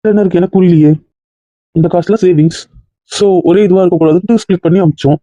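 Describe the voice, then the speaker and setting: A man's voice: sits high, steady tone, fast talker, mellow, no room sound. A young man playing a stubborn groom who argues defiantly with his family. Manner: defiant, argumentative. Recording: muffled lo-fi sound.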